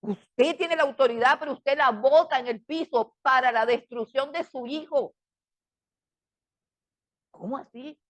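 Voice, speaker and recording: A woman's voice: high-pitched, measured pace, long pauses. A middle-aged woman teaching a Bible class in a fiery preaching style. She scolds with emphatic repetitions and keeps firing off rhetorical questions.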